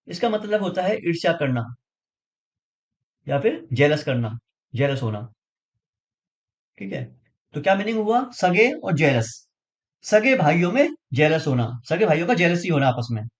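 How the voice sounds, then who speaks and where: A man teaches exam vocabulary, drilling memory tricks and checking in with his students again and again. His voice sits high and swings widely in pitch, giving the lesson a lively, animated lilt. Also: highs cut off. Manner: explains with repeated memory tricks, frequent checking questions.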